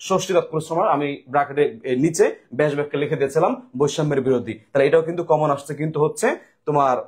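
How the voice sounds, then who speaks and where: A male tutor from Bangladesh explaining exam questions to students, drilling them by asking questions and answering them himself. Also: fairly high pitch. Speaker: admission test tutor.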